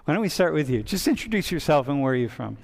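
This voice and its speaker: A man teaching a university class as a relaxed, chatty professor who keeps breaking off and restarting. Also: fairly high pitch, quick pace, creaky. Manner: chatty, interrupts himself often. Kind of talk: casual classroom discussion. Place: large lecture hall. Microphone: wireless mic. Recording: reverberant lecture hall.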